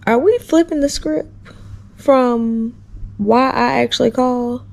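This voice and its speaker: A woman's voice: high-pitched, takes it slowly, gravelly, a little mellow. A woman vlogger telling a story casually and with animation, exasperated and slangy, talking straight to her viewers.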